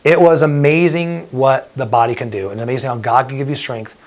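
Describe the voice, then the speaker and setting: A middle-aged man speaks at an ordinary pitch, recounting a personal story straight to the camera. He talks earnestly and lets his emotion show. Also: fairly even intonation, a little fast. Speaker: bodybuilding promoter and firefighter.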